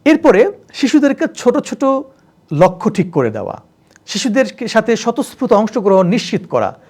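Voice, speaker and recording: A man lecturing trainee teachers, animated, acting out examples in changing tones and mixing in English words. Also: high voice, moderate pace. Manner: religious phrases and English words mixed in.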